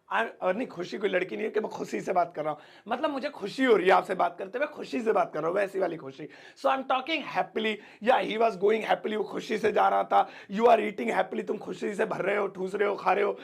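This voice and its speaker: High gravelly male teacher. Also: a bit bright. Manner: joking, playful, drawn-out example words. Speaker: English teacher. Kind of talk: casual video lesson.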